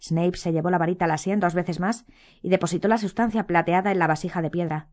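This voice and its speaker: A woman narrating a fantasy novel as an audiobook, in a steady storytelling manner. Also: lowish voice, fast. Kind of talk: scripted narration.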